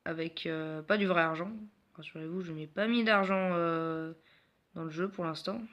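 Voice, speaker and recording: A man's voice: on the high side, fairly even intonation, moderate pace, dull audio. A man presenting mobile games in casual gameplay commentary, hesitant and full of filler sounds, with self-mocking jokes. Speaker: mobile game video host.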